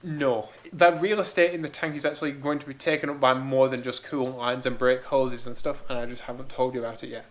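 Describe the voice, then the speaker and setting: A man's voice: mid-range voice, level tone, brisk, hardly any pauses. A man who grew up in Spain, chatting enthusiastically as he answers viewer questions in a casual Q&A vlog about building a car. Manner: chatty, enthusiastic, thinking aloud. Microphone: small camera-mounted mic.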